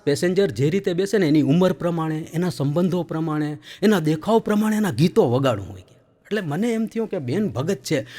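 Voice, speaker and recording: Lively male comic telling a joke story. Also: fairly high pitch. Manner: animated, laughing, acts out the story. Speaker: comedian. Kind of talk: stand-up storytelling.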